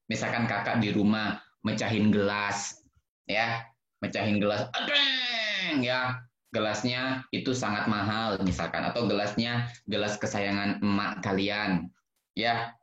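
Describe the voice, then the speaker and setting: A man teaching a lively religious lesson to children over a video call, acting out children's voices with big jumps in pitch. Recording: roomy, dull video-call audio.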